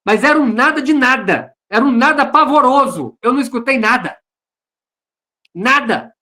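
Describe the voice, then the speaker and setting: A man's voice: extremely high pitch, animated, normal speed, bright, forceful tone. A Brazilian man, a pastor, sharing his personal testimony in an online service over a video call, earnest and repeating phrases for emphasis. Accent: Brazilian Portuguese.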